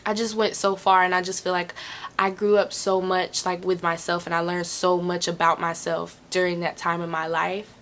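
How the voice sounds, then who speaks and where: A woman's voice: lowish voice, level tone, normal speed, a bit bright, a little hiss or hum. A woman answering viewer questions in a casual, candid way, repeating phrases for emphasis and swearing freely. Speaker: host of a Q&A.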